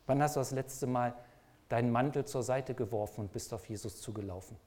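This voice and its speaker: A man's voice: mid-range voice, a little fast, a little mellow. A man preaching a sermon, speaking emphatically and asking the listeners repeated rhetorical questions.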